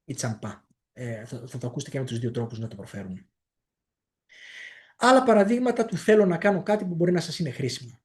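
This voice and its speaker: A man giving a casual spoken language lesson, explaining patiently and repeating phrases slowly so they can be copied, with frequent hesitant fillers. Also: fairly high pitch, sing-song, a little mellow. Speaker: language teacher.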